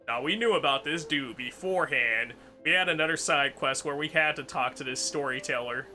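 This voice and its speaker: A man's voice: fairly high pitch, a little fast, sharp tone. A man livestreaming a video game, chatting casually and reacting aloud in informal, slangy talk. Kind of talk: casual chatty stream commentary. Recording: faint game music behind.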